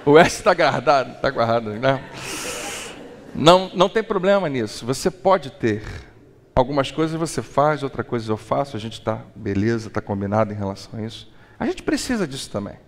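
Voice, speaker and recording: A man preaching a sermon as a pastor, animated and acting out small dialogues. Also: mid-range voice, a little fast, in a large hall. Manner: animated, acts out little dialogues.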